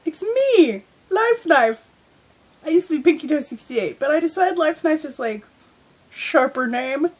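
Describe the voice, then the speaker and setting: A young woman vlogs from her bed on a handheld phone held at arm's length, her high, animated voice moving at a measured pace. Stuffy from a head cold, she tells a casual storytime candidly and chattily, with lots of fillers.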